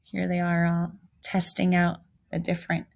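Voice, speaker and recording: A woman with a lowish, gravelly voice reads at a moderate pace with a completely flat delivery. She is reading a children's picture book aloud as expressive storytelling, with theatrical emphasis and little asides to young listeners.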